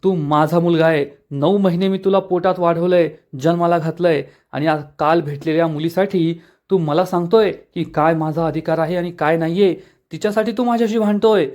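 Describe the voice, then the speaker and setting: A man voicing a furious, superstitious middle-aged mother in a dramatic serial recap, with rushed, accusing lines. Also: fairly high pitch, darkish tone, lightly acted. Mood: tearful, hurt.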